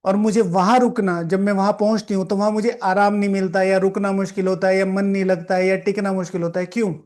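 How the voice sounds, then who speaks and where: Male spiritual teacher with a fairly high voice, unpacking a scripture passage in a reflective, repetitive way, English words mixed in. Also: little pitch movement, fast talker, darkish tone. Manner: repeats key phrases for emphasis; mixes English words into Hindi. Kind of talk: explaining a scripture reading.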